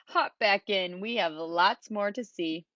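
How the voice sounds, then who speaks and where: A woman's voice: medium pitch, unhurried, no echo, lightly acted. A woman voicing Santa Claus as a jolly older man and kindly guide, explaining places cheerfully in a dull, dry, lo-fi recording. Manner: warm, explaining, gently cheerful.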